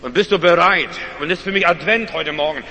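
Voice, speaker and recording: Bright-voiced preacher in an echoing church. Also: male voice, fast talker, a little hiss or hum. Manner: emphatic preaching, swinging between loud rising calls and quiet low asides. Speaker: pastor. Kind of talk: sermon.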